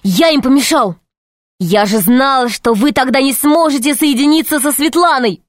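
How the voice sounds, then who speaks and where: A woman voicing an excitable young boy who pleads urgently in an audiobook story. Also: high-pitched, measured pace, no echo, clean studio sound, voice pushed up.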